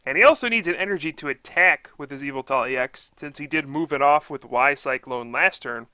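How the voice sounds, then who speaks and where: Very bright, smooth male analyst commentator. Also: fairly high pitch, fairly quick, dry recording. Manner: analytical, upbeat, explains plays. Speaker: card game commentator. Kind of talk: live game commentary.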